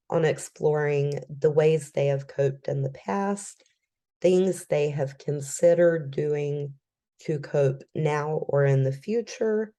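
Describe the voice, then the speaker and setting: A woman with a low voice gives a recorded educational presentation, calm and measured, often saying "um."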